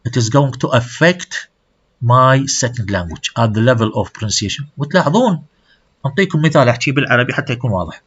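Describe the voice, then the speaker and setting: A man teaches a class at a middle pitch, stepping through examples as he moves between two languages. The recording is dull and a little lo-fi. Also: animated, normal speed, a bit bright, husky. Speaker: language lecturer. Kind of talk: classroom lecture mixing Arabic and English.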